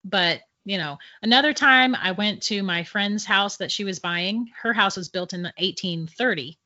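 Middle-aged woman, bright tense tone, chatty psychic guest, slightly dull lo-fi audio. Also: mid-range voice, normal speed. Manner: chatty, laughs through her stories. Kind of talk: casual storytelling. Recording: dull lo-fi sound.

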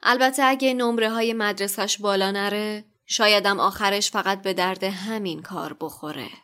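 A man's voice: very high-pitched, lively intonation, sharp tone, voice pushed up, heavily acted. Woman doing a cold snobby rich dad, curt and dry. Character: cold haughty aristocratic father.

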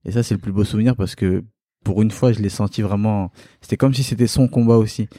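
A man's voice: on the low side, fairly even intonation, fast talker, mellow, no echo, clean studio sound. A man from Cameroon, a guest in a home interview, talking candidly and reflectively and laughing easily. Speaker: podcast guest, kickboxing champion. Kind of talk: relaxed interview talk. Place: living room at his home.

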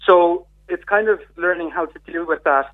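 A man's voice: high-pitched, normal speed. A man from County Kerry with a south-west Irish accent, explaining things in a discursive, conversational way as a radio interviewee. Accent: Irish, Kerry in the south-west of Ireland. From County Kerry, Ireland. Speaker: interviewee, community integration worker. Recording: narrow tinny phone line.

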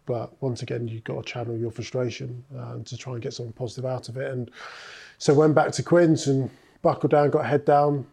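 A man's voice: mid-range voice, flat delivery, fairly quick, creaky, warm tone, breathy edge. A man, a former rugby player, recounting his career in a casual interview, thoughtful and full of filler sounds.

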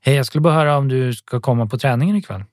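A man reading an audiobook, voicing an energetic, encouraging boxing coach. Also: mid-range voice, dry recording, studio quality, voice pushed up, natural voice. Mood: upbeat. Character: upbeat male boxing coach.

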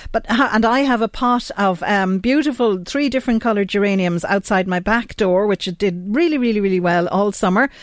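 An Irish woman presents a radio show from a dry studio. Her voice is medium in pitch, and she interviews in a chatty, folksy, effusive manner. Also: a little fast, hardly any pauses, no room sound.

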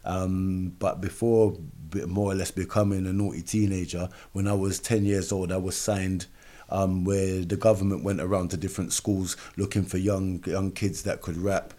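A man's voice: deep voice, level tone, normal speed, warm tone. A middle-aged man with a South London accent, telling his story casually in an interview, in informal, slangy speech. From London, England. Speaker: music label founder and youth mentor.

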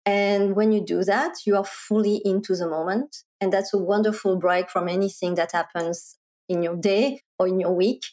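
A middle-aged woman from France with a French accent, speaking as an interview guest and explaining things clearly with a light laugh now and then. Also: mid-range voice, fairly even intonation, moderate pace, darkish tone. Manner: articulate, explanatory, laughs lightly while talking. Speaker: guest, marketing executive. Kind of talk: conversational interview.

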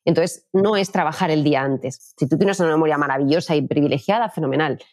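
Fast-talking woman coaching communication. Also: low-pitched, a little mellow, no echo, studio quality. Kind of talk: interview answers.

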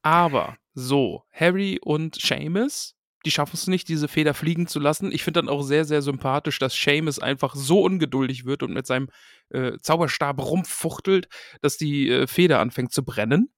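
Man, podcast host, casual book talk, slightly raised pitch, dry close sound. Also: moderate pace, dry recording. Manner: chatty, reads passages aloud with laughs. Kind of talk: casual book-discussion chat.

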